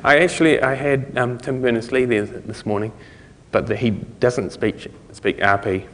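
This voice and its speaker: A middle-aged man giving an informal conference lecture, explaining things in a halting way with trailing thoughts. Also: mid-range voice, fairly even intonation, fairly bright tone, slight background noise. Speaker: conference speaker. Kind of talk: technical lecture to an audience. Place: conference lecture room, indoors. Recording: reverberant hall recording.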